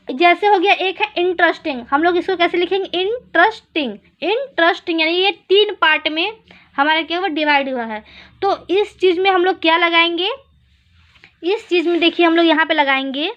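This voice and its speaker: A woman with a very high voice teaches an English grammar lesson in Hindi. She keeps asking questions and answering them herself, and she slows right down for each example sentence. The recording is dull and lo-fi. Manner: reads English examples slowly.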